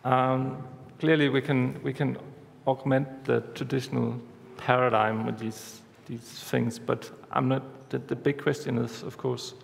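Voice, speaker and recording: A man giving a conference talk, walking through a live demo step by step in a halting way, recorded in a large hall. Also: mid-range voice, flat delivery, creaky. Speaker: conference speaker. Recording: reverberant hall, faint background noise.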